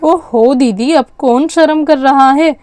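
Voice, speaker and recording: A woman's voice: sits high, takes it slowly, a little mellow, no room sound. A woman voicing a chatty young aunt in a doll story, eager and persuasive. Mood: coaxing. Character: young sister-in-law aunt, chatty and bossy. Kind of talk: storytelling with dolls.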